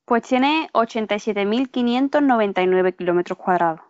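A woman from Málaga, answering lesson questions calmly and precisely in full sentences. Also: on the high side, a little fast, dry recording, dull audio. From Málaga, Spain.

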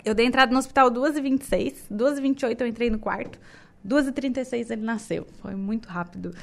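A young woman from southern Brazil telling her birth story in casual chat, animated and often laughing. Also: fairly high pitch, fast talker, gravelly.

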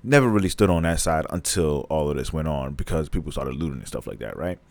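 A man with a very low, deep voice chats casually on a podcast. He speaks frankly and bluntly, circling back and repeating phrases to drive a point home. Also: animated, quick pace, creaky, darkish tone, dry recording. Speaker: podcast co-host. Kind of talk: casual chat.

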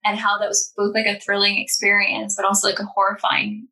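A woman's voice: medium pitch, monotone, fairly quick, sharp tone, rough recording. A young woman from Estonia in casual conversation, rambling with many fillers, restarts and frequent laughter. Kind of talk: casual chat.

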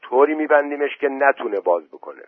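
A man's voice: medium pitch, expressive, no echo, pitched above the performer's own voice, close to an everyday voice. A man voicing a practical village man who coaxes and gives firm orders. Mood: coaxing. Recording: tinny phone-like voice message.

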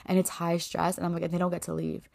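On a personal faith podcast she hosts, a woman in her thirties speaks fast and in a monotone, her voice on the low side, gravelly, and a little mellow. The talk is heartfelt and meandering, packed with "like" and "you know," and her voice breaks with emotion.

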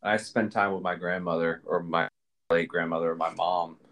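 A man with a somewhat low voice co-hosts a casual podcast chat. He rambles through his points with false starts and frequent laughter. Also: little pitch movement, normal speed, fairly bright tone. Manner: rambling, restarts, laughs often. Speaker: podcast co-host.

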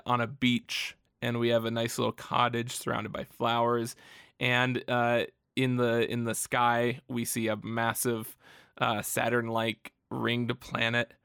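A man co-hosts a casual comic book podcast in a bright, forceful voice with a dry, close sound. He talks in an animated way, swears freely and laughs often. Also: mid-range voice, takes it slowly, clear, resonant tone, dry recording. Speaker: podcast co-host.

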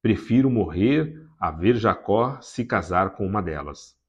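A man's voice: fairly low pitch, animated, measured pace, slightly rough, muffled recording, full character voice. A man reading aloud the lines of an anxious mother urging her son to flee, in an urgent, warning tone.

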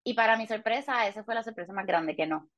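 Puerto rican woman in her 30s, bit high voice, chatty and candid, kinda muffled lo-fi sound. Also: fast talker, a bit bright. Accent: Puerto Rican Spanish. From Puerto Rico. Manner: candid, chatty, with light self-mocking humor. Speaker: guest, patient. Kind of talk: casual podcast interview.

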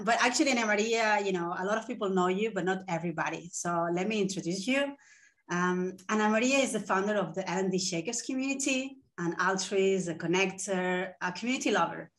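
A woman in the middle of the usual pitch range co-hosts a podcast. She sounds friendly as she introduces the guest and drops in a few fillers, speaking over a remote call mic. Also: a bit bright. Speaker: podcast co-host. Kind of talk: conversational interview.

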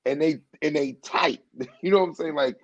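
With a slightly high, gravelly voice at normal speed, a man interviewed as a singer recounts a long, casual tale full of restarts and "you know what I'm saying." There's no echo, and the sound is dry, dull and muffled.

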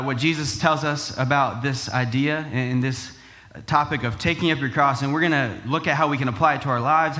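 A man's voice: mid-range voice, fairly bright tone. A man preaching as an upbeat youth pastor, talking to the church in a casual, conversational way. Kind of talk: conversational sermon.

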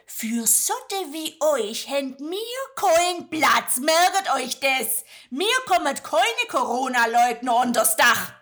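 Lady doing a grumpy swabian innkeeper guy, yelling, pushed up high. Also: animated, takes it slowly, hardly any pauses, heavily acted. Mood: harsh. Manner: barking, scolding. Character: gruff rude male village innkeeper.

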